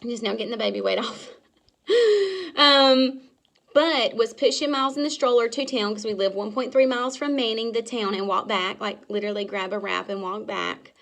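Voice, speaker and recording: Woman, young adult, fairly high voice, gravelly fry, chatty business trainer. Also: moderate pace. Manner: chatty, energetic, acts out sales calls in a bright high voice. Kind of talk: casual instructional talk.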